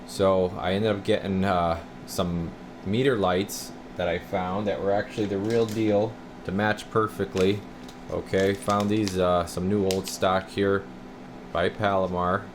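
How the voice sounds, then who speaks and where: In an indoor radio repair workshop, a man with a deep, unhurried voice gives a casual, hands-on repair walkthrough to camera. He's folksy and informal, calling his viewers "guys." Clear, steady room noise runs underneath.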